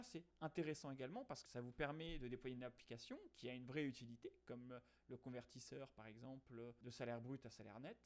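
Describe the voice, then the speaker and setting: A man hosting a casual coding tutorial, explaining in a lively way with fillers and quick self-corrections. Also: mid-range voice. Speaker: programming tutorial host.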